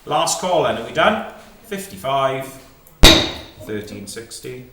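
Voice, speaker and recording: A man's voice: medium pitch, sing-song, slow. A man working as a fine art auctioneer, calling lots and bids live in clipped, repeated numbers and short prompting questions. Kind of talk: live auction calling, rapid chanted bids and lot descriptions. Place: indoor auction saleroom. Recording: echoey saleroom, distant mic, faint noise.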